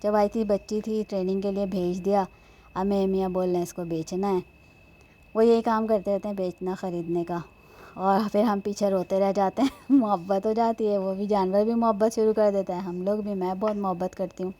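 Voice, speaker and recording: A woman with a mid-range, dark-toned voice and fairly even intonation vlogs chattily from her home and a horse stable, partly outside. She rambles casually, saying prayers and blessings as she goes.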